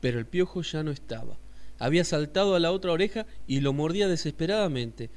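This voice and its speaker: A man's voice: on the high side, fast talker. Man reading a children's story. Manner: lively, expressive reading.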